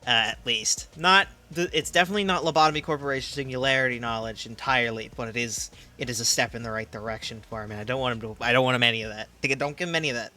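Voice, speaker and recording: A man streamer chatting casually while gaming, animated and rambling. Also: medium pitch, racing, hardly any pauses.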